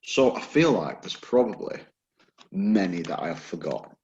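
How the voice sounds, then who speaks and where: A man's voice: deep voice, expressive, moderate pace, a little mellow, dull audio, slight background noise. A man co-hosting a podcast, chatting casually with dry, wry humor. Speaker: podcast co-host. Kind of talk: casual chat.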